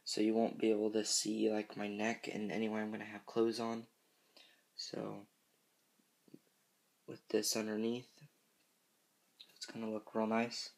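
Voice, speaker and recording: A fifteen-year-old horror mask reviewer speaks in a fairly low, creaky monotone at a measured pace, leaving long pauses. His unscripted, casual review wanders hesitantly, with frequent self-corrections.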